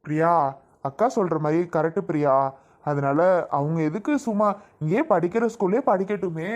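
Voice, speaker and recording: A man playing a kind younger brother in a family drama skit, speaking in a calm, reassuring way. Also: on the high side, normal speed, close to an everyday voice.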